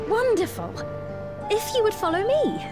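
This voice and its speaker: A woman's voice: extremely high pitch, full character voice. A woman voicing a gracious, earnest young queen in a fantasy video game, with formal, courtly diction. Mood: playful, bright.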